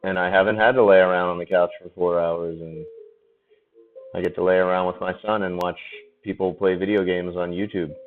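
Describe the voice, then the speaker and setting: A man paints during a live stream, talking casually in a low voice with fairly even intonation at a moderate pace. He laughs often and swears freely while answering viewers. The audio is tinny and phone-like, with faint music behind him.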